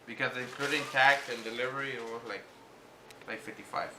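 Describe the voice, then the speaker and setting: A man with a mid-range voice and a steady tone talks a little fast as he gives viewers a casual unboxing review. He speaks hesitantly and slips between two languages. The room is echoey, with faint background noise.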